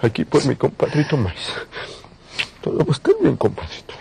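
A man's voice: medium pitch, huge pitch swings, normal speed, vocal fry, dark tone, a little hiss or hum, exaggerated voice. An actor playing a kindly, folksy male servant who talks in a rambling way in a telenovela. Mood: reassuring. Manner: folksy, rambling talk with regional Mexican turns of phrase. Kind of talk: telenovela acting.

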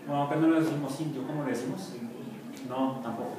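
A Mexican man lectures a university math class quickly in a mid-range, fairly even voice, joking and asking the students questions. Heavy background noise fills the distant, echoey classroom recording.

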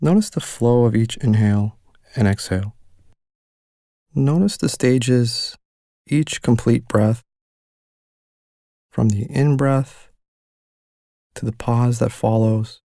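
A man narrating a guided mindfulness meditation as the guide, giving calm, gentle, unhurried instructions with long pauses between phrases. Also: mid-range voice, gravelly, no echo, studio quality.

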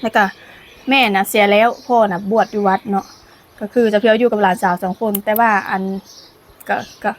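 Lao woman vlogger, easygoing cook-along chat, mid-pitched, laughs a lot, outdoors on camera. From Laos. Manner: chatty, laughs often while talking. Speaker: cooking vlogger. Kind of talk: casual cooking vlog chat. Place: outdoors in sunshine. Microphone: camera filmed by her niece.

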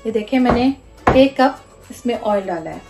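A woman's voice: fairly high pitch, lively intonation, normal speed. Chatty woman hosting a kitchen cooking show. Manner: chatty, walks viewers through each step. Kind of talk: casual cooking demonstration. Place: home kitchen, indoors. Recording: background music under voice.

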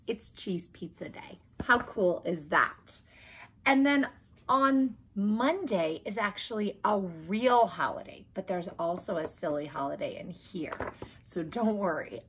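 Bright, slightly husky woman hosting kids' circle time. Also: mid-range voice. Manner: addresses children with simple questions and explanations. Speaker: circle time host for young children. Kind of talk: chatty presentation to young children. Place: living room at home.

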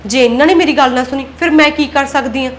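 Woman playing a high-voiced scheming young wife. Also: quick pace, slight background noise, natural voice. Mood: plotting. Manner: argumentative, self-talk plotting. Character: scheming young wife guarding her son's land. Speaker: daughter-in-law. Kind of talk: Punjabi web-series acting.

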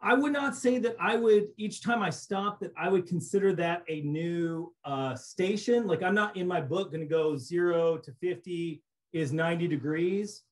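A middle-aged man giving a relaxed recorded slideshow lecture on cave surveying over a webcam, explaining casually with frequent restarts. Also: high voice, normal speed. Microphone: webcam on a video call.

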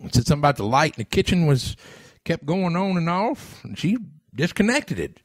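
A man's voice: on the high side, sing-song, fairly quick, no echo, clean studio sound. A man hosting a podcast, telling a rambling story in casual chat, cursing freely and restarting his sentences. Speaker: podcast host.

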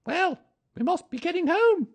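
A storybook reader voicing a brisk, motherly female kangaroo who soothes and scolds in a singsong manner. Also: very high-pitched, very animated, vocal fry, voice pushed up, exaggerated voice. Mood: cheerful, motherly.

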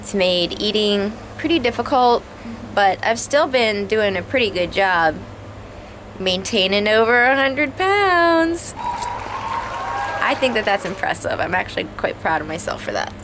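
A woman's voice: medium pitch, expressive, a little slow, noisy background. A woman in her thirties chatting casually to camera, talking carefully through a swollen, sore jaw as if after dental trouble. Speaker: vlogger. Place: outdoors on a house porch. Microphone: camera at arm's length.

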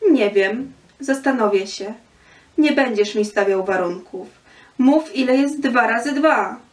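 A woman voicing a stubborn booming machine. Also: a little slow, roomy sound, distant mic, lightly acted. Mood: domineering. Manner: domineering, mocking. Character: menacing booming thinking machine, female, stubborn.

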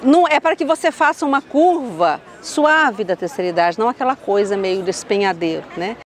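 A woman's voice: mid-range voice, expressive, a little fast. A woman in her sixties answering an interview question earnestly, thinking aloud, outdoors in a city park. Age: 60s. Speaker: interviewee on the street.

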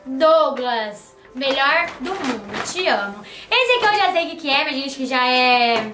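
A woman's voice: sits high, expressive, measured pace. A young woman vlogger, chatty and playful, talking to her viewers while opening gifts at home. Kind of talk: casual gift-opening vlog. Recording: echoey room with music.

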